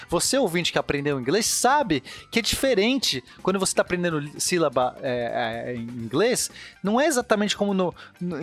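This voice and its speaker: A man's voice: fairly high pitch, a bit bright. A man with a Brazilian accent explaining poetry in a casual podcast chat, eager and full of restarts. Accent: Brazilian Portuguese.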